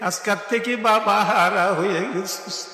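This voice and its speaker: A man's voice: high voice, measured pace, sharp tone, exaggerated voice. A man voicing a grieving mother wailing a sung lament for her dead son. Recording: echoey hall sound with faint music.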